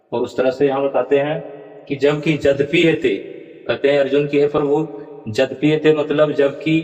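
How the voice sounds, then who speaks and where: Monotone man teaching in a reverberant space. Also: medium pitch. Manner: slow, repetitive, stresses each syllable. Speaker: Gita recitation teacher. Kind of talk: explanatory Sanskrit pronunciation lesson. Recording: dull, lo-fi with long reverb.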